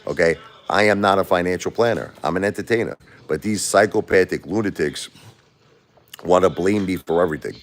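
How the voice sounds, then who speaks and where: Talking a little fast, a deep-voiced Brooklyn, New York man hosts a casual livestream from home. He answers viewers bluntly, repeats himself and takes on critics.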